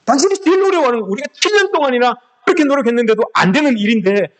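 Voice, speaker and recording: A man's voice: extremely high pitch, very fast. A male pastor preaching a sermon, often calling out to his congregation and acting out short quoted lines. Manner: animated, acts out quoted speech, addresses the congregation often.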